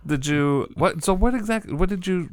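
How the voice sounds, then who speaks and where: A man in a casual podcast chat, asking quick curious questions and teasing. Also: sits high, animated, clear, resonant tone, dry recording.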